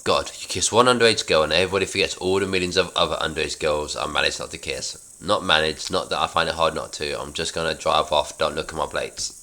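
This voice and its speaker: A flippant, careless middle-aged dad from a comedy script, read by a man in nearly his own voice. The voice is extremely deep but bright and forceful. Every line comes out cocky and brash. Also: steady tone, fast talker, hardly any pauses, exaggerated voice.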